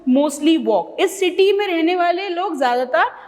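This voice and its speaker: A woman from India with an Indian English accent, teaching an English vocabulary lesson, stressing each word with slow care and breaking into quick asides. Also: extremely high pitch, animated, a little mellow, big-room sound. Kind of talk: bilingual classroom lesson.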